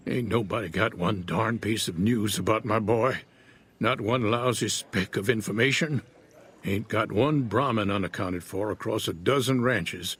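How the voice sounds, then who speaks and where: Husky, folksy rancher father. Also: on the low side, measured pace, fairly bright tone. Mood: worried, gruff. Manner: folksy, plain-spoken. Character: gruff, worried male rancher father in a western wasteland. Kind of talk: video game character dialogue.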